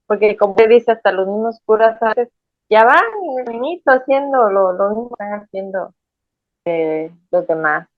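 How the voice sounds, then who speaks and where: A woman's voice: mid-range voice, moderate pace, dry recording. A woman student in an online class, hesitant and trailing off mid-sentence. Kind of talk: class discussion. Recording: tinny phone-like call line.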